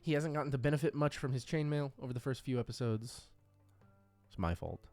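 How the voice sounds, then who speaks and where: Fairly quick and expressive, a man with a mid-range, slightly mellow voice talks over faint music on a dry recording. He's the creator and game master of a tabletop RPG audio drama, commenting casually and without a script as he goes through character sheets, now and then murmuring little nonsense sounds to himself.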